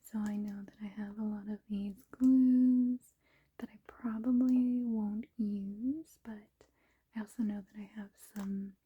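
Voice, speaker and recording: A woman whispering softly in an unhurried ASMR ramble, with a breathy, husky voice and short, gently paused phrases. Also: medium pitch, fairly even intonation, narrow, tinny audio. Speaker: ASMR video host.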